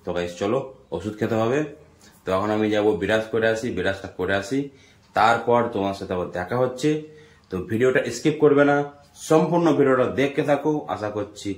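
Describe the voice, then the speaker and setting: A man's voice: lowish voice, fairly quick, echoey room, low-quality recording. A man talking casually to camera in a daily vlog, chatty and repetitive, with a sore throat. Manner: chatty, repeats subscribe requests. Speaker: vlogger.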